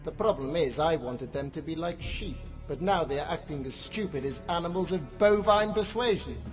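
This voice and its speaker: A man's voice: a little high, lively intonation, normal speed, reverberant, long reverb tail, recorded from a distance, over music, close to an everyday voice. A man voicing a pompous, bombastic tyrant leader who proclaims himself God, in a comedy audio sketch. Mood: annoyed.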